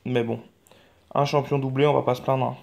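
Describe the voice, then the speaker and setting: A man's voice: medium pitch, level tone, a little fast, vocal fry, a little mellow. A man hosting a mobile game channel, talking through his game in casual commentary, rambling and hesitant, with many fillers, restarts and mild swearing. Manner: mild swearing, frank and offhand.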